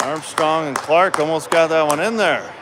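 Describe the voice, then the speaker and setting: Casting: male amateur-style hockey play-by-play caller, informal, slightly high voice, echoey arena sound with clear background noise. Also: moderate pace, crowd noise. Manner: informal, colloquial, chatty with exclamations. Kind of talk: casual live sports commentary. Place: echoey indoor ice hockey rink. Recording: echoey noisy rink, ambient clatter. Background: clear rink noise and ambience.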